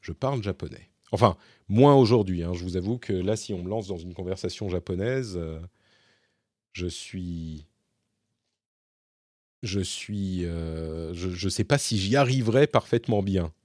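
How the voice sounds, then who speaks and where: A middle-aged man hosting a podcast, answering listener questions in a casual, hesitant way, often pausing and correcting himself. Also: sits low, darkish tone, dry recording, clean studio sound. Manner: hesitant, thinks aloud, self-correcting. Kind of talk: casual Q&A monologue.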